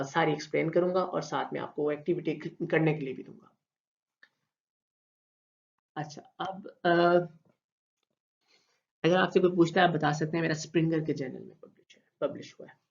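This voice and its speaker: A man with a Pakistani Urdu accent giving a recorded online lecture, explaining slowly with repeated terms and many fillers. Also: on the high side, vocal fry. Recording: dull lo-fi recording.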